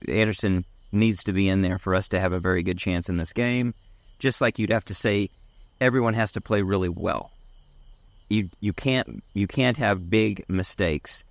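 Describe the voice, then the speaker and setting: A man's voice: low-pitched, moderate pace, no echo. A man co-hosting a casual sports podcast, musing aloud with hesitant restarts. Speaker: podcast co-host.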